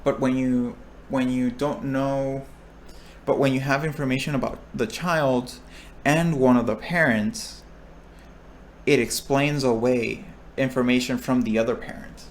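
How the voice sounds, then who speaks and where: In an unhurried, medium-pitched voice with fairly even intonation, a young recitation instructor goes over a probability lecture topic. He thinks aloud, starts over at points, and checks whether his listeners are with him. There's slight background noise.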